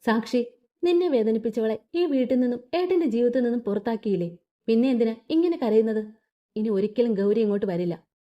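A woman's voice: a little high, fairly quick, close to an everyday voice. A protective elder brother soothes his sister, firm and tender, as a woman reader puts him on. His voice comes through a dull, lo-fi recording. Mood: comforting. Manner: comforting.

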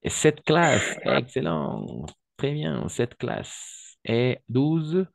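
A man teaching French to a class, patient, repeating each word slowly and often praising his students. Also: medium pitch, wildly swooping pitch, vocal fry, dry recording, studio quality. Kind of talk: online class instruction.

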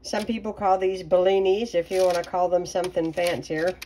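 A middle-aged woman chatting casually through a home baking vlog, relaxed and talkative with plenty of ums. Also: on the low side, slight background noise. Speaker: home cooking vlogger. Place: home kitchen.

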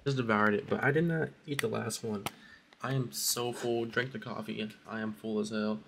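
A man's voice: lowish voice, fairly even intonation, normal speed, vocal fry, background noise. A young man vlogging casually through his day, rambling in a laid-back way and often calling his viewers "bro", recorded on a phone. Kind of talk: casual daily vlog. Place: at home, then outdoors by a river.

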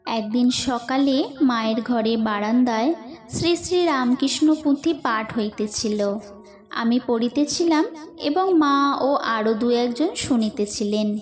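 A woman reads a devotional memoir aloud with a slow, reverent, measured delivery. Her voice sits fairly high, and her formal literary phrasing stays steady throughout. Faint music plays softly underneath. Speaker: narrator. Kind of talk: scripted narration of a devotional memoir.

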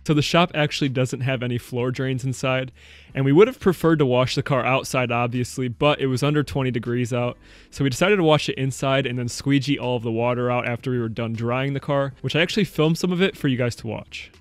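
A young man from Ohio narrating a car detailing video in a brisk, instructional voice-over that speaks straight to the viewers. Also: mid-range voice. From Ohio, United States. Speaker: car detailing channel host.

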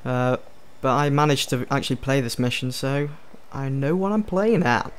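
A man's voice: medium pitch, moderate pace, smooth. A man hosting a casual let's play, chatting, joking and thinking aloud as he plays. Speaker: gaming video host. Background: game music.

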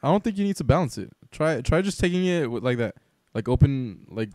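A young man playing a co-op cooking game, excitable and swearing, often bursting into panicked shouts and laughter. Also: mid-range voice, fairly quick, dry recording, clean studio sound. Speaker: gamer playing co-op. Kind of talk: casual gameplay chat.

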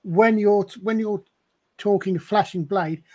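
A man's voice: high voice, fairly even intonation, a little slow, a little mellow. A man from the UK co-hosting a podcast, talking about old TV in a hesitant way, stammering and restarting sentences. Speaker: podcast co-host. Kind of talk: casual chat about TV shows.

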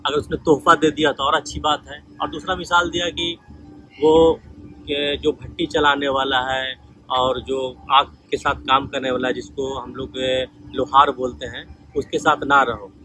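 Husky-voiced man telling life lessons. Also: mid-range voice, flat delivery, normal speed, sharp tone, low-quality recording. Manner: conversational, retells dialogues in quoted voices. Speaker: vlogger sharing life lessons. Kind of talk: casual storytelling monologue.

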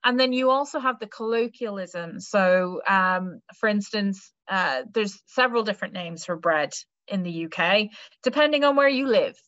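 A young woman with an Irish accent works as a careers adviser and gives an online talk in a chatty way, with lots of fillers and restarts. Her mid-range, slightly bright voice moves at a moderate pace in a dry recording. The sound, captured by a webcam or laptop mic on a video call, is slightly dull and lo-fi.

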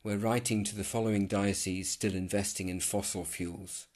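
Formal male letter reader, low voice. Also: steady tone, darkish tone. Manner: measured, formal reading of a list and letter. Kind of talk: scripted narration, reading a letter.

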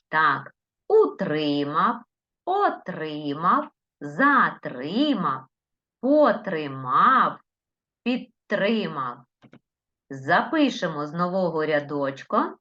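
A woman's voice: deep voice, sharp tone, highs cut off. A woman teacher with a Ukrainian accent, giving a recorded lesson to young children, stretching words and coaxing answers with questions. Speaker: primary school teacher.

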